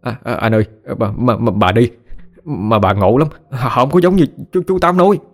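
A man's voice: moderate pace, soft background music, natural voice. A man voicing a terrified young man who stammers and shrieks in panic. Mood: panicked. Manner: stammering, panicky, high-pitched.

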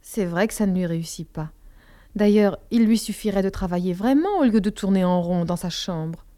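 A woman reading the lines of a calm, authoritative woman in an audiobook, measured and composed. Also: medium pitch, natural voice. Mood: cool.

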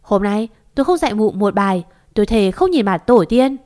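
Woman voicing a brash shouting neighbor woman. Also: medium pitch, lively intonation, fairly quick, natural voice. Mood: angry. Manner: shouting, insulting. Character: brash, foul-mouthed middle-aged woman neighbor.

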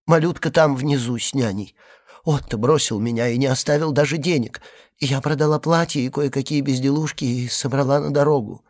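A man's voice: mid-range voice, a little slow, pauses often, husky. A man voicing a tearful, desperate young wife who has been abandoned, pleading between sobs. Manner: sobbing, pleading, breathless outbursts.

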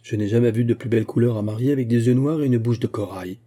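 A man's voice: medium pitch, fast, mellow, close to an everyday voice. A man reading aloud and voicing a seasoned musketeer captain who speaks courteously and wryly. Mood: gallant.

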